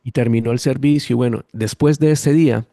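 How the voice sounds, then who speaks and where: Colombian pastor in his 50s, Bogotá accent, animated testimony, dry close sound. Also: mid-range voice, brisk, dry recording. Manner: lively animated storytelling, acting out quoted voices. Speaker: guest pastor. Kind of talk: storytelling testimony.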